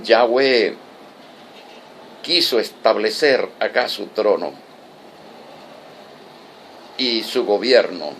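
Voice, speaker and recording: Male preacher, very slow, deliberate teaching pace, faint hum behind. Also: on the low side. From Venezuela. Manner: slow, deliberate, repeats phrases for emphasis. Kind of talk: recorded Bible study teaching.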